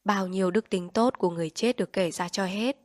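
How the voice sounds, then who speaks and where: A woman reads an audiobook in a calm, measured way, with a pitch in the middle of the range. The sound is dry and close, with no room echo. She tells the story in a steady, even voice. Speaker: narrator. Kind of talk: audiobook reading.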